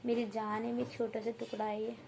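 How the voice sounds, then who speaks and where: A young mother with a hoarse voice, tearfully vlogging about her sick baby. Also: fairly high pitch, little pitch movement, fairly quick, background noise. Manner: tearful, worried, talking softly to her baby. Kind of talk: emotional home vlog.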